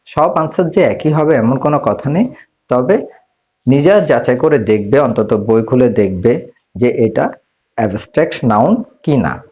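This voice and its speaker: A male English teacher works through a grammar exercise at a middle pitch. He poses questions and answers them himself, and draws out the English words slowly. The audio is slightly dull and lo-fi. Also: expressive, a little mellow. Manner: slows down to spell out English words. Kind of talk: grammar lesson.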